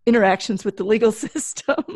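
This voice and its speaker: A woman's voice: a little high, fairly quick, darkish tone, dry recording, studio quality. A middle-aged woman with a Michigan accent, chatting casually as a podcast co-host. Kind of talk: casual scripted-topic podcast chat.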